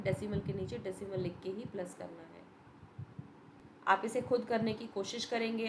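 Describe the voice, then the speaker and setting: A woman teacher with a medium-pitched voice gives young students a patient revision lesson, explaining step by step in a mix of Hindi and English. She calls the students "beta," and background noise can be heard.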